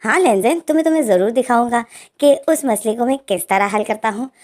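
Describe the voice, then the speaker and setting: A woman's voice: a little high, brisk, a little mellow, lightly acted. A woman voicing a sulky, easily angered young man in a read-aloud story, sounding indignant and exasperated. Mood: scheming.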